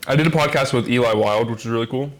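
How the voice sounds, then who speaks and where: A man's voice: medium pitch, quick pace. A young man talking as a podcast guest in casual, slangy, sweary chat with a friend. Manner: informal, slangy speech. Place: villa on a Greek island, in-person podcast.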